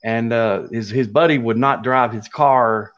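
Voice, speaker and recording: A middle-aged man with an Appalachian Kentucky accent, telling a story casually in a folksy, halting, unhurried way. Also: mid-range voice, steady tone, a bit bright. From Kentucky, USA. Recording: dull lo-fi audio.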